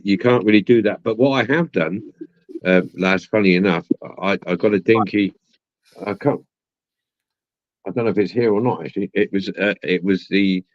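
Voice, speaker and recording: Casting: deep-voiced male, rambling casual talker who repeats himself; dull, lo-fi audio. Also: dry recording. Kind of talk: casual chat.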